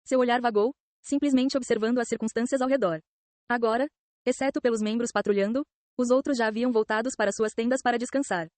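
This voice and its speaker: Brazilian-accented woman narrator, quick and steady, fairly high, dry sound. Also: no echo. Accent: Brazilian Portuguese. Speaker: audiobook narrator. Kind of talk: scripted novel narration.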